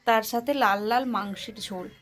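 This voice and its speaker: Young woman vlogger, high chatty voice, narrating to viewers over loud street noise. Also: fairly even intonation, fairly quick. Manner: chatty, addresses viewers directly. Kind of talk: daily-life vlog narration. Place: home, market and railway stations. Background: street and vehicle noise.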